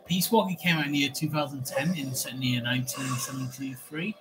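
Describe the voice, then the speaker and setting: A man's voice: mid-range voice, fairly even intonation, quick pace. A man giving casual gaming commentary, explaining the series in a rambling, sweary way. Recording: clearly noisy background ambience.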